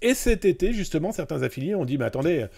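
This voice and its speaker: A man's voice: sits high, big pitch swings, fast talker, vocal fry, a little mellow. A man hosting a live-stream cybersecurity news show, chatting casually and talking straight to his viewers. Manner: chatty, addresses viewers directly, many fillers and asides.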